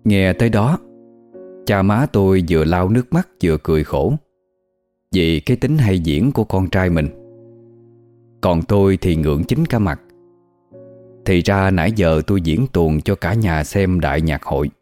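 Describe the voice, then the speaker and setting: A man with a low, mellow voice narrates a ghost story. He reads at a measured, steady pace, and faint music plays underneath. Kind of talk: scripted horror story narration.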